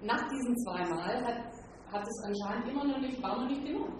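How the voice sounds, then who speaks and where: A woman speaks earnestly at a church service. She retells a scripture passage in lively everyday words and then prays softly. Her voice sounds distant in a very echoey hall, with faint room hum behind it. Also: on the high side, a little fast. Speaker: church speaker leading communion. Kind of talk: devotional talk and spoken prayer.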